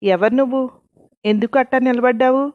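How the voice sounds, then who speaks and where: A woman's voice: on the high side, fairly even intonation, brisk, no echo, dull audio, voice pushed up, close to an everyday voice. A woman voicing a blunt, rustic middle-aged mother in a storybook reading. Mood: brusque.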